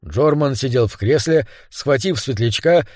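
A man's voice: medium pitch, animated, a little slow, darkish tone, no room sound, clean studio sound. Man narrating a suspenseful audiobook.

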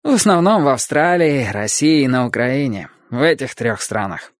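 A man's voice: mid-range voice, animated, normal speed, no room sound, close to an everyday voice. Male reader doing a raised, offhand voice for a mocking teen boy, dry close sound. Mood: nonchalant. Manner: shrugging, nonchalant delivery.

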